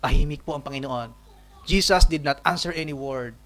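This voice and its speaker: A man's voice: a little high, moderate pace, fairly bright tone. A man preaching a sermon, switching between Tagalog and English and asking his congregation direct rhetorical questions. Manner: mixes Tagalog and English, rises to emphatic peaks.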